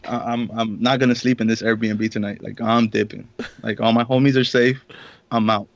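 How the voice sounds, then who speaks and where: A man's voice: lowish voice, little pitch movement, moderate pace, creaky, dry recording, highs cut off. A young man, a podcast co-host, telling a story in casual, profane slang and acting out the quotes. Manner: slangy, swears a lot, acts out quotes.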